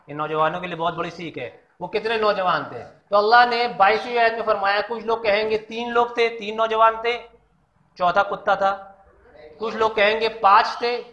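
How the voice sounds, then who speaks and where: An Islamic preacher with a high, bright, forceful voice gives an informal talk explaining a story from the Quran. He explains carefully, repeats the key lessons, and poses rhetorical questions, recorded in an echoey, dull lo-fi room.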